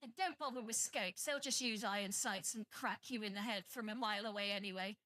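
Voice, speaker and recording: This young woman from Britain, half English and half Welsh, speaks briskly in a medium-pitched, bright, forceful voice with a British accent. She jokes and chats casually with her live stream audience, swearing freely. The audio has no room sound.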